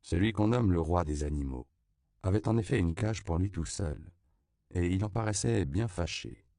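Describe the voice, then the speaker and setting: Deep gravelly male narrator. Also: expressive, moderate pace, warm tone, no room sound, studio quality. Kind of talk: scripted narration of a novel.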